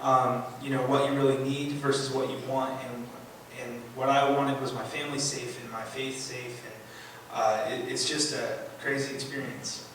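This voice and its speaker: A man's voice: mid-range voice, level tone, moderate pace, noisy background. A man giving a rambling personal testimony in a church, with many fillers and restarts. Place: church sanctuary. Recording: echoey church from a distant mic.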